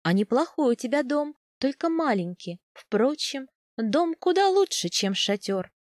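A woman voicing a brisk, wry noble mother in a storybook reading. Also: sits high, sing-song, darkish tone, no echo, clean studio sound.

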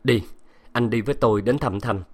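A man voicing a calm older man who speaks slowly and gently. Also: medium pitch, husky, lightly acted. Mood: somber.

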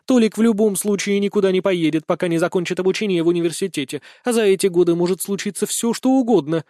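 A man reading an audiobook in the first person with lively, expressive delivery. His voice is fairly high for a man. The sound is dry and close-miked. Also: fast talker, dry recording. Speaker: audiobook narrator. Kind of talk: scripted first-person narration.

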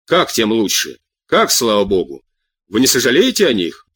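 A man voicing a proud, angry queen who speaks in sharp reproaches, in an audiobook reading. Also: on the low side, wildly swooping pitch, moderate pace, breathy edge, no room sound, clean studio sound, full character voice. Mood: indignant.

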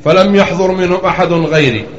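A man with a somewhat high voice reads a classical text aloud in a measured, slightly chanted way. The recording is muffled and dull. It sits in a roomy space with plenty of echo. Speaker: student reading the text aloud. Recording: lo-fi recording in an echoey room.

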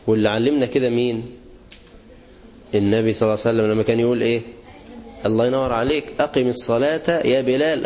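A man's voice: mid-range voice, a little mellow, a little hiss or hum. A man with an Egyptian accent teaching a religious lesson to students, asking the class questions and answering them himself. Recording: dull lo-fi recording.

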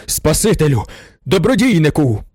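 Man voicing a worked-up old aristocrat, pitch all over the place, pompous and self-pitying, dry close mic. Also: moderate pace, dry recording, close to an everyday voice. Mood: effusive. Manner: excitable and theatrical, swinging between indignation and gushing gratitude. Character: agitated aging male aristocrat, proud and pitying himself.

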